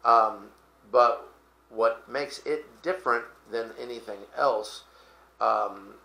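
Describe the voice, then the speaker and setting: Bright-voiced man rambling on crypto. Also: medium pitch, takes it slowly, creaky, reverberant. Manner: rambling, explains with fillers and restarts. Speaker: podcast host. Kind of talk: casual crypto talk show chat.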